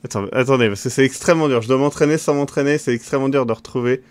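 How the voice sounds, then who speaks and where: A man running a live tabletop game, flustered and swearing, asking others to be quiet while he thinks. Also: mid-range voice, rapid-fire, clear, resonant tone, no echo. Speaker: game master. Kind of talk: casual live-stream game chat.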